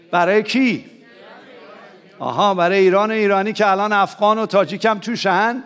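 A man with a Persian accent, preaching a sermon to his church. He keeps asking the congregation questions and calls on them to answer aloud. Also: high-pitched. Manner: rises to emphatic, excited peaks. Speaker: pastor.

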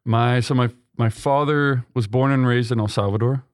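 A man's voice: mid-range voice, fairly even intonation, moderate pace, dry recording, studio quality. A young man from Texas, a seminarian, answering interview questions in an earnest way, with many ums and restarts. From Texas, USA. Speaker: seminarian guest. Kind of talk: conversational interview.

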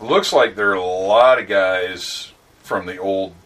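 A man co-hosting a casual movie commentary chat, relaxed and quick to laugh, with some swearing. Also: low-pitched, distant mic, slight background noise. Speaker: podcast co-host.

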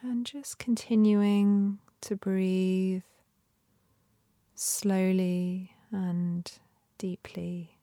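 Slow, soft-spoken woman guiding meditation. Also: medium pitch, little pitch movement, no echo, clean studio sound. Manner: gentle, soothing, unhurried instruction with long pauses. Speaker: meditation guide. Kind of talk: guided meditation.

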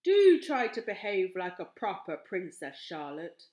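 A woman's voice: on the low side, big pitch swings, a little slow, a little mellow. A woman voicing a stern, fussy old king who scolds his daughter, in a storybook reading. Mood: scolding. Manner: scolding, pleading. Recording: roomy echo.

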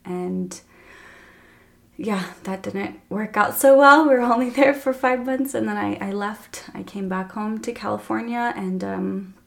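A woman in her thirties, a podcast guest, earnestly telling her personal faith story in a halting, emotional way. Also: mid-range voice, creaky, fairly bright tone. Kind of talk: candid personal faith testimony.

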